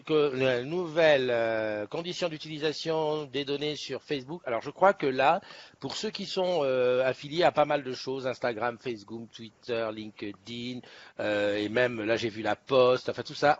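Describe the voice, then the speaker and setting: A man's voice: medium pitch, moderate pace, no room sound. Host, man, rambling live-stream chat, muffled lo-fi sound. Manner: chatty, rambling, laughs often, many restarts. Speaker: host of a morning live show. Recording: dull lo-fi live stream audio.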